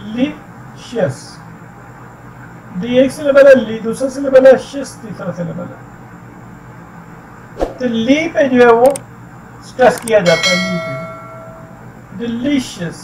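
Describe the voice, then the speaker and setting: A man teaching an English textbook lesson, explaining slowly and repeating words. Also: very high-pitched, darkish tone. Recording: distant mic with faint background noise.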